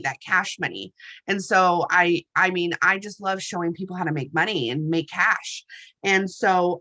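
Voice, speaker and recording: Bright, forceful woman giving a pep talk. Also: on the low side. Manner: chatty and emphatic, keeps addressing listeners as "you guys". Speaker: network marketing distributor. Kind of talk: motivational testimonial talk.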